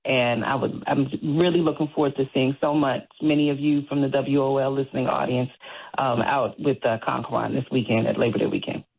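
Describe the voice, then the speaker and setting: A woman's voice: extremely low pitch, steady tone, a little fast, creaky. A woman calling in as a radio guest, friendly and grateful. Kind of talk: phone-in interview. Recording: tinny phone line.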